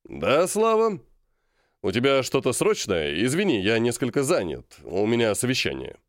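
A man's voice: medium pitch, huge pitch swings, no echo, clean studio sound. A man voicing a busy, curt clan head answering the phone tersely. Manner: terse and hurried.

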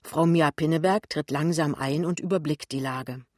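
A narrator reading a literary story aloud for a radio drama in a calm, measured way. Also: medium pitch, no room sound, clean studio sound. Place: studio.

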